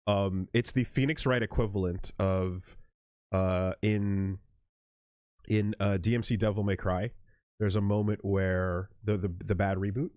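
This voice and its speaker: A man's voice: fairly low pitch, steady tone, measured pace, darkish tone, no echo, studio quality. A man hosting a let's play, chatting casually about games in an emphatic, opinionated, sweary way. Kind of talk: casual gaming chat.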